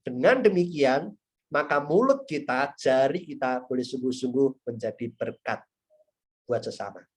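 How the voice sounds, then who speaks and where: A man's voice: medium pitch, expressive, a little slow. A young man giving a sermon to students, telling a personal story and addressing his listeners directly. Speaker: evangelist preaching to students.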